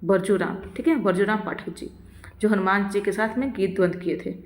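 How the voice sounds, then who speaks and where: A woman's voice: medium pitch, slight background noise. Tutor woman with an echoey sound. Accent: Jharkhand. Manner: reads questions slowly, answers them herself with frequent "theek hai". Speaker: exam tutor. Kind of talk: online exam-prep lesson. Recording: echoey roomy reverb.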